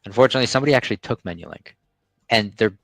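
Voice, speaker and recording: A young Canadian man, founder of a restaurant tech company, guests on a podcast and talks casually about his business and life. He's talkative, with many restarts and fillers. His lowish voice is creaky and fairly bright, racing along on a rough recording.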